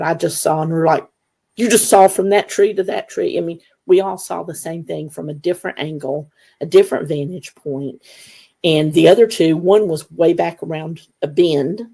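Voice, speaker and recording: A woman guest on an interview show, telling her story in a casual, animated way and acting out the dialogue. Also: lowish voice, creaky. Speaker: guest, Bigfoot investigator.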